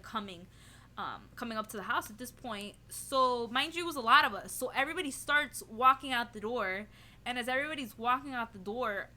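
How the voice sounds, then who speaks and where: A young woman with a high, bright voice tells a story for her vlog. She leans on "like" and "you know" constantly and retells it in an animated, giggly way. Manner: chatty, heavy on "like" and "you know". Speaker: vlogger. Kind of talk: casual storytelling to camera.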